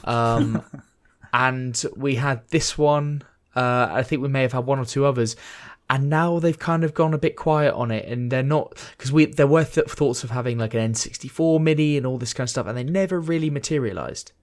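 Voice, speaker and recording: This is a man co-hosting a gaming podcast, chatting casually. He gets excited easily, swears freely and talks things up. His voice sits in an ordinary middle pitch. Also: moderate pace. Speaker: podcast co-host.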